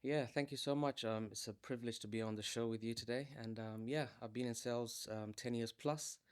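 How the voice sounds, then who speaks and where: Speaking as a guest, a salesman from Malawi in his thirties recounts his working life in a relaxed interview. His voice is medium in pitch, smooth and brisk, with fairly even intonation.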